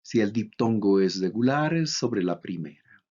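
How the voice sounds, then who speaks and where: A man from Bolivia giving a recorded lecture, reading out examples slowly and deliberately. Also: on the low side, lively intonation, a little mellow. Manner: slow, deliberate, reads out examples. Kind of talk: recorded lecture on Greek accents. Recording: dull lo-fi recording.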